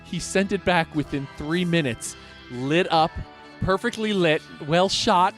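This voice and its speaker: A man's voice: sits high, a little slow, a bit bright, faint music behind. A man telling long rambling anecdotes as a podcast guest, with many restarts. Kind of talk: casual storytelling.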